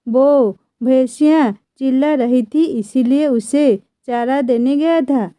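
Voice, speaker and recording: A woman's voice: sits high, takes it slowly, warm tone, no echo. A woman voicing a timid young male servant in a read-aloud story, anxious and humble. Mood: worried.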